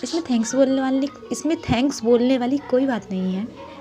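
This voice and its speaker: A woman's voice: high-pitched, brisk, mellow, soft background music, natural voice. A woman voicing a scheming young man who mutters sly asides half under his breath. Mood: friendly.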